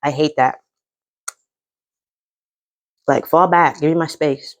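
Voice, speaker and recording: Middle-aged woman, American accent, lower-pitched voice, casual mukbang chat, talking while eating, savoring mms. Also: fairly even intonation, slow. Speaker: mukbang host.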